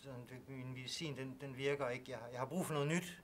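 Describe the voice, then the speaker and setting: A man's voice: medium pitch, steady tone, a little hiss or hum, close to an everyday voice. An actor playing a distressed patient with obsessive thoughts who stammers and grows exasperated when he is not heard. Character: distressed man with obsessive thoughts seeking new medication. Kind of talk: student film acting.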